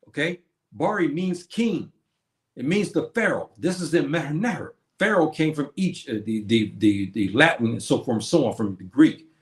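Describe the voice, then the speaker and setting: A man with a slightly high voice and a roomy sound hosts a stream where he lectures on history. His delivery is preachy, and he answers the questions he poses.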